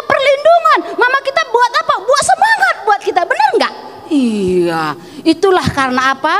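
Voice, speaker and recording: Sunday school preacher, woman, high lively voice, echoey church hall. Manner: animated, asks children questions. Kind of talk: children's sermon.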